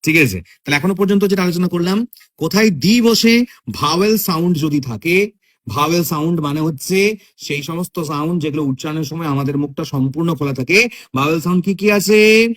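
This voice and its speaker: A man teaching English grammar in a spoken lesson, asking questions and answering them himself, stretching out his examples. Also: fairly high pitch. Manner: drawn-out, emphatic examples.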